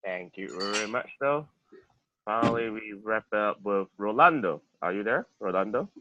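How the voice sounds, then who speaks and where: A man's voice: on the low side, lively intonation, normal speed, background noise. A man acting as president of an online club meeting, politely introducing each speaker over a video call. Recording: dull, dry video-call audio.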